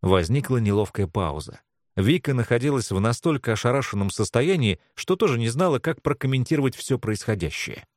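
A male storyteller reads a novel aloud with a lively, expressive voice that moves freely up and down. He is recorded close and dry, with no room sound. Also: medium pitch, fairly quick, no echo. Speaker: audiobook reader. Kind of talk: scripted narration.

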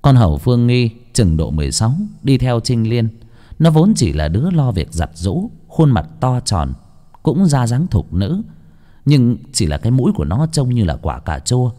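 Male narrator, expressive audiobook reading, animated pitch, reverberant hall. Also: moderate pace. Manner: expressive storytelling.

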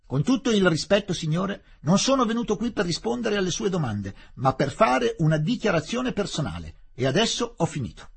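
A man voicing a self-possessed english teacher, husky, raised, firm and formal, lively pitch. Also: fairly quick, hardly any pauses, heavily acted. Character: composed English schoolmaster standing his ground.

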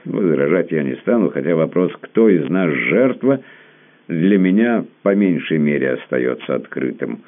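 Мужчина читает за холодного сдержанного князя. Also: male voice, rumbling low, expressive, narrow, tinny audio, full character voice. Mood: measured. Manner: measured, restrained. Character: cold composed prince, weary of his lover.

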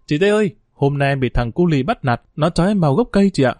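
A man's voice: a little high, lively intonation, fast, darkish tone, no echo, clean studio sound, lightly acted. A man voicing a small, playful village boy who talks in a chirpy, pleading way.

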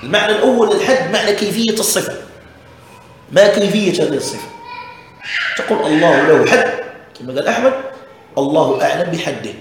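Fast-talking man teaching in an echoey room. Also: high-pitched, expressive, slight background noise. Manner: explains step by step, often checking understanding. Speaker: religious teacher. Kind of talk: explanatory lesson commentary on a text.

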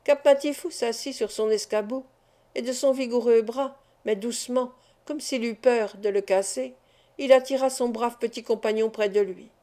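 Mellow-voiced woman reading a novel aloud. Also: a little high, steady tone, moderate pace. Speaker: audiobook narrator. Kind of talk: expressive audiobook reading.

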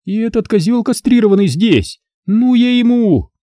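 Man doing a scheming young woman, high sneering voice, taunting, swings widely, dry close sound. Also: lively intonation, normal speed, dark tone, dry recording. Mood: gloating mockery. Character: spiteful scheming young woman, mocking and shrill.

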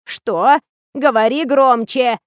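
A woman's voice: on the high side, animated, a little slow, no room sound, studio quality. A woman voicing a half-deaf, muddled old actress who pleads and fusses in a cracked, wheezing voice, in an audiobook. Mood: bewildered.

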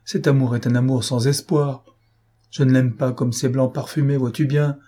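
A man's voice: mid-range voice, flat delivery, normal speed, warm tone, breathy edge, natural voice. A man voicing a proud, lovesick young man who speaks in passionate, despairing outbursts in an audiobook. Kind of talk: audiobook character voice.

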